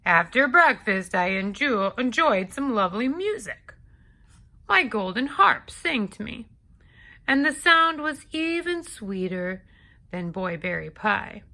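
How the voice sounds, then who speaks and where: A woman voices a big, hungry male giant for a children's storybook read-aloud, her voice a little high, very animated, sharp and heavily acted. The giant gives his version of events aggrieved and exclaiming, with a rueful, dramatic mood and a deliberate, indignant telling.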